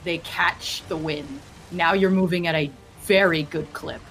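A woman narrating as game master of a tabletop game, describing scenes in a lively, vivid way. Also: on the low side, measured pace, slight background noise, low-quality recording.

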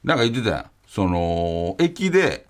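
A man with a Kansai accent, co-hosting a comedy radio talk show and teasing his partner in quick back-and-forth. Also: on the low side, very animated. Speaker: radio co-host.

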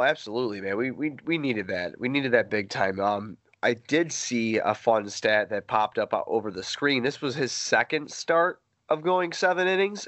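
A man's voice: medium pitch, a bit bright, dry recording. Informal male sports podcast host. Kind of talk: casual baseball chat.

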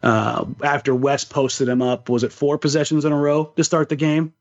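A man co-hosts a sports podcast, chatting casually about basketball with slangy, emphatic phrasing. His voice is on the high side, with fairly even intonation at normal speed. The lo-fi recording sounds slightly dull.

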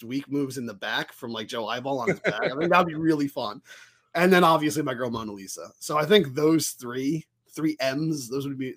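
A man co-hosting a fan podcast, talking casually and animatedly, rambling and swearing now and then. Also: medium pitch. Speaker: podcast co-host. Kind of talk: casual chat.

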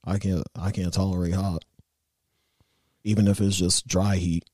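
A man's voice: sits low, little pitch movement, a little slow, a little mellow, no echo, clean studio sound. A man chatting casually in slangy language. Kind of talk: casual chat.

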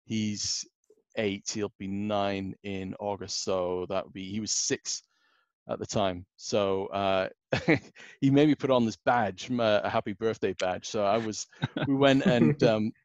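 Low-voiced man telling stories. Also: steady tone, unhurried, no room sound, highs cut off. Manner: rambling anecdotal storytelling, many fillers. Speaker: podcast guest. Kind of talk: casual podcast chat.

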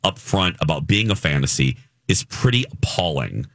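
Studio-quality audio with no room sound captures a male morning radio co-host chatting casually at normal speed. He's animated, and his pitch swoops upward when he turns emphatic.

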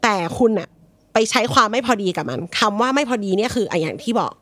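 A woman's voice: mid-range voice, lively intonation, fast, a bit bright, no echo. A young woman talking in a blunt, slangy, teasing way as she gives breakup advice in a casual chat. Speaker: podcast co-host giving breakup advice.

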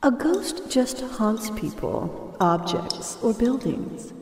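A solemn spirit tied to a glowing coin, voiced by a woman, speaking formally and slowly in a dark, mellow voice. The sound rings out with a long hall reverb, as in a radio play. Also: fairly high pitch. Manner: formal, measured, calm.

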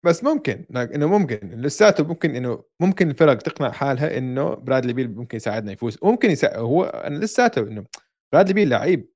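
A man's voice: mid-range voice, big pitch swings, racing, a little mellow. A man with a Palestinian-Jordanian Levantine Arabic accent co-hosting a casual sports chat. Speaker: sports podcast co-host.

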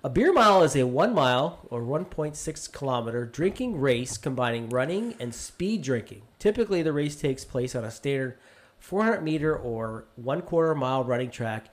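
A middle-aged man co-hosting a podcast in casual chat, easygoing and quick to laugh. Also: medium pitch. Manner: easygoing, laughs often, reads aloud flatly. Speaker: podcast co-host.

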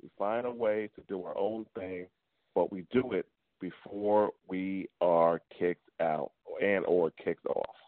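A man calling in to a talk radio show over the phone, making his points deliberately and repeating them for emphasis. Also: deep voice, steady tone, no room sound. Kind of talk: call-in opinion on a talk show. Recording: tinny dry phone line.

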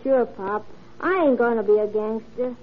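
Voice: medium pitch, moderate pace, lightly acted. A young performer playing a naive, cheeky little boy in a 1930s-style radio drama, with guileless slangy talk. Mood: earnest. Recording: dull, noisy old radio recording.

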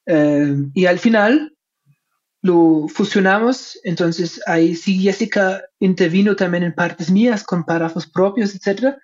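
A man from Germany with a German accent in his non-native Spanish, giving reflective, halting answers in an interview. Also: sits high, darkish tone. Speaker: interviewed academic researcher and author. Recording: dull, lo-fi sound.

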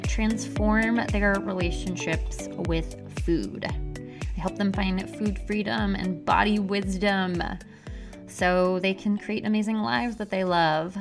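A podcast host and health coach records a casual solo monologue in her living room, her mic under a blanket that muffles the sound. Her medium-pitched voice is gravelly, and she's upbeat and gushing, with many "like" fillers.

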